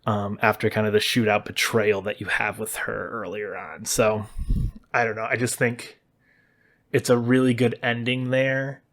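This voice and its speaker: A man talking casually through a story's best moments, now and then slipping into quick put-on voices for the characters. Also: lowish voice, flat delivery, a bit bright. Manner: chatty, acts out characters' lines in quick voices. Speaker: gaming channel host. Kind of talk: casual spoiler discussion.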